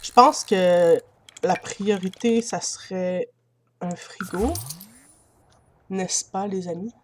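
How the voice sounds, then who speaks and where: Low-ish and slow, her Quebec-accented voice carries a slight hiss or hum from the laptop's built-in mic. She's a gamer giving relaxed commentary, laughing often and chatting with viewers as if they were friends.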